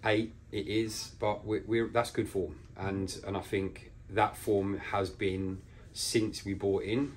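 A deep-voiced man in his forties, speaking as a football manager in a post-match interview, gives measured, flat answers and pauses mid-thought. He's recorded on a camera mic in a small, bare indoor room, with slight background noise.

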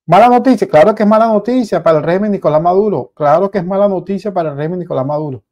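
A Venezuelan man in his forties talks through the day's news in a loose, animated way, circling back and repeating his points. His voice sits a little high for a man but sounds dark and mellow in tone. It is picked up close on a headset mic in a small room. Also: rapid-fire, lo-fi sound. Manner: animated, repetitive, addresses viewers as "señores". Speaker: news commentator. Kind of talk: casual news commentary. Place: small indoor home studio.

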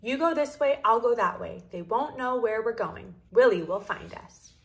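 A woman voicing a brave young boy in a storybook read-aloud, with bright, emphatic reading. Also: a little high, lively intonation, moderate pace. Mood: eager, emphatic.

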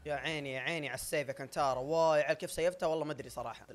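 A young man giving loud, excitable gameplay commentary, often shouting and laughing at his own plays. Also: a little high, rapid-fire. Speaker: gaming YouTuber.

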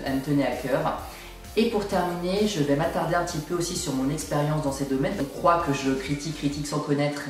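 A young man giving an emphatic, exasperated opinion rant to camera, complaining as he goes. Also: on the high side. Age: young adult. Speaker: video blogger. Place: small indoor room at home. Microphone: camera at a short distance. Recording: very echoey room, distant microphone.

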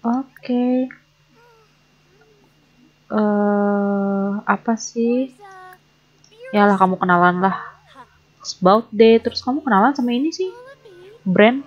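Brief: young woman gaming YouTuber, chatty and flustered, mid-pitch, slightly dull lo-fi mic. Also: slow pace, long pauses. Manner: chatty, flustered, talks to game characters. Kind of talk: casual gameplay commentary.

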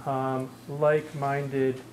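A man's voice: mid-range voice, little pitch movement, very slow, darkish tone, slight background noise. A middle-aged man lecturing in a university classroom, answering audience questions in a thoughtful, hedging way with many restarts.

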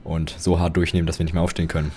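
A man's voice: low-pitched, level tone, rapid-fire, a little mellow, breathy edge. A young man commentating a horror game, jittery and rambling, joking and yelping when startled. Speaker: let's play commentator.

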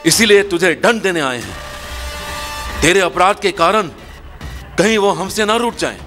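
A cruel, arrogant temple priest who speaks slowly and with contempt, played by a man on a devotional stage. His voice sits fairly high. Music plays behind him. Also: lively intonation, pushed and bright, full character voice. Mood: scornful. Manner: scornful, contemptuous. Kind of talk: devotional stage play acting.

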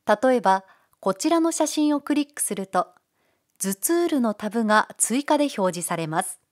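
A woman giving calm, polite, step-by-step narration for a software tutorial. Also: fairly high pitch, normal speed. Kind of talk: scripted screencast narration.

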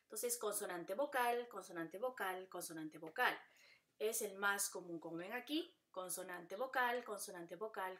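A woman with a bright, clear voice gives a Spanish lesson. She talks patiently and works through each pattern step by step, repeating it many times. Now and then she slips into English to explain a point. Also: mid-range voice. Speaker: Spanish teacher. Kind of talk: classroom lesson.

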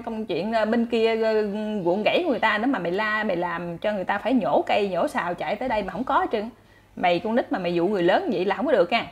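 Fast-talking Southern Vietnamese woman storyteller. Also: on the high side. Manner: chatty, animated, addresses listeners directly. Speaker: storyteller, channel host. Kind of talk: casual folk storytelling.

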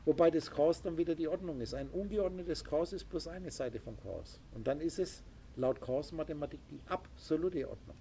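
At a moderate pace and in a warm, fairly high voice, this spiritual teacher lectures a small group. He insists emphatically on his points, uses sound effects, and faint noise can be heard behind him.

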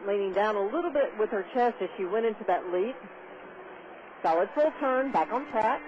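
A man giving technical, measured move-by-move color analysis of a gymnastics meet on live radio. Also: sits high, expressive, darkish tone. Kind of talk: live radio sports commentary. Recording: dull noisy radio broadcast.

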